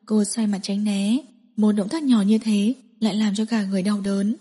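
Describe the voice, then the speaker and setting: A woman narrating a romance audiobook in a soft, even storytelling manner, with an echoey hall sound. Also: medium pitch, normal speed, husky.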